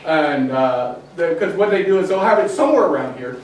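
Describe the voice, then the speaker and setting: High-voiced man lecturing in an echoey room. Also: brisk, a little hiss or hum. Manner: lively, acts out scenarios with humor. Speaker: wildlife educator giving a public talk. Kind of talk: live public presentation. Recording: echoey room, mic far off.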